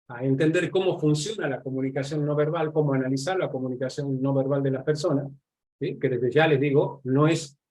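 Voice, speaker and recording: Argentine male lecturer, slightly raised pitch, chatty and explanatory, checks in with listeners constantly. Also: darkish tone. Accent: Argentine Spanish. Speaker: lecturer on nonverbal communication. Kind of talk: live online class lecture.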